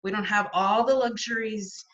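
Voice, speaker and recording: Over a video call, a woman whose first language isn't French tells her story in a casual interview, chatty and rambling with plenty of fillers and restarts. Her voice is medium-pitched, steady, a touch bright, and she speaks at a normal pace. The sound is lo-fi.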